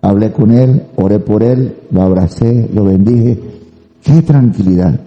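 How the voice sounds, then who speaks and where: A male pastor preaching a sermon, telling stories in an animated way and acting out the voices of the people he quotes. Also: lowish voice, unhurried, echoey room, long reverb tail, dull audio. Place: church sanctuary.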